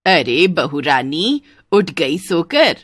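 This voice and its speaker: A woman's voice: low-pitched, big pitch swings, drawn-out words, husky, dry recording, clean studio sound, exaggerated voice. A woman voicing a domineering middle-aged mother-in-law who scolds and gives orders. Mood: scolding. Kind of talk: Hindi storybook voice acting.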